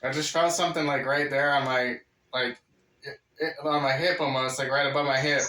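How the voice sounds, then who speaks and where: A man at a paranormal session uneasily describes his sensations. His voice is flat in pitch and bright. The sound comes from away from the mic in an echoey space. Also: a little fast, far from the mic. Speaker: paranormal investigator using a spirit box.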